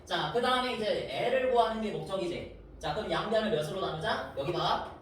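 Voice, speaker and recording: A man's voice: high-pitched, moderate pace, a crowd in the background. A man teaching a middle-school math class, talking the students through steps and checking they follow with short questions. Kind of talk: whiteboard math lesson. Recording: roomy, distant mic, faint noise.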